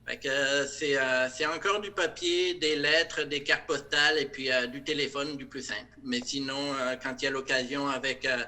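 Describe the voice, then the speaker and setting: Bright-voiced French man, hesitant. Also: medium pitch, steady tone, moderate pace, hardly any pauses. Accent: light French accent, partly Québécois. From France. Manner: hesitant, many fillers and restarts. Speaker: interview guest, production director. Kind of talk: casual interview.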